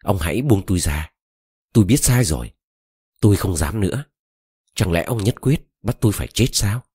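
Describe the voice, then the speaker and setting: A man's voice: low-pitched, expressive, moderate pace, dark tone, slightly rough, no room sound, full character voice. A man voicing a desperate, lovesick young woman who pleads tearfully, read close to a dry mic. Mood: despairing.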